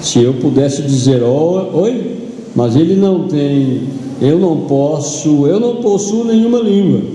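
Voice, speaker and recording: A man with a Brazilian Portuguese accent preaching a sermon as pastor, retelling a story slowly and dramatically in the first person. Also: on the high side, animated, warm tone. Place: large church hall. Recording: echoey church hall with long reverb.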